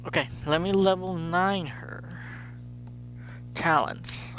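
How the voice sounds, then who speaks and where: A game streamer offers casual live commentary on his gameplay, muttering to himself and repeating phrases. His voice sits high and he takes it slowly, with music playing underneath.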